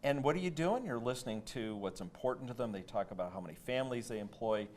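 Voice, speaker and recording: A man's voice: mid-range voice, lively intonation, fast, a little mellow. A man co-hosting a radio talk show, explaining earnestly and acting out client conversations as he goes. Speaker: co-host.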